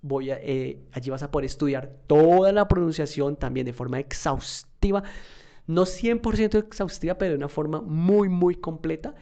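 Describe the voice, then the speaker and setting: A man with a mellow, warm voice gives an online English lesson. He talks conversationally, repeating himself and using fillers. He often checks in with the listener through short questions. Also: on the high side, normal speed, highs cut off. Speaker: English teacher.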